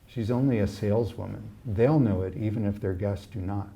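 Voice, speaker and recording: A reserved young saleswoman, polite and wry, who chooses her words with care, as read by a man in his own low, mellow voice. The voice stays close to the reader's natural register. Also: a little fast, creaky. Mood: guarded dry. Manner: guarded, polite, dry.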